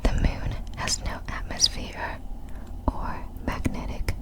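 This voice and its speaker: This is an ASMR creator, a woman, narrating facts in a fully unvoiced, breathy whisper. Her phrasing is slow, careful and deliberate.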